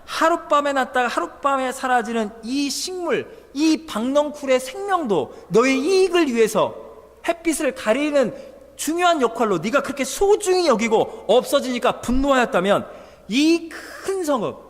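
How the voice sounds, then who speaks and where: A man voicing God as a patient, grave figure who asks a prophet solemn, measured questions. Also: extremely high pitch, lively intonation. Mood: grave, reproachful. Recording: long church hall reverb.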